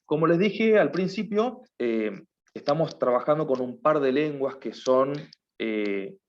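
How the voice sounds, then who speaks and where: A man's voice: medium pitch, lively intonation, unhurried, highs cut off. A man teaching a class, explaining patiently and often stopping to check that his students follow. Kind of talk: online class lecture.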